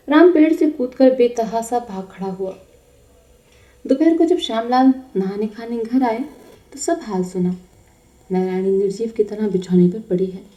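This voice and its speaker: A woman reading a literary short story aloud in a soft, measured voice as a storyteller. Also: medium pitch. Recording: roomy, dull lo-fi recording.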